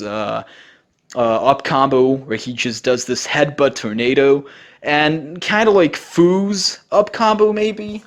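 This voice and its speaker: A man giving casual voice-over commentary on game footage, talking informally and rambling with plenty of fillers and the odd swear. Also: mid-range voice. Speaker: gaming video creator.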